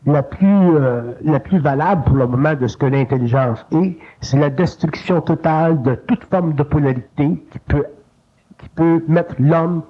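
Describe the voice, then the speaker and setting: Un homme à l'accent québécois qui enseigne d'un ton familier et animé, sa voix grimpant soudain pour imiter une petite voix intérieure. Son timbre est un peu voilé, sans éclat. L'enregistrement, tiré d'une vieille cassette numérisée, sonne étouffé et lo-fi. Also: male voice. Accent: Quebec French. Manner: colloquial, animated, jumps up in pitch to mimic an inner voice. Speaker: spiritual teacher. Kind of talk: informal spoken teaching. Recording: lo-fi digitized cassette tape.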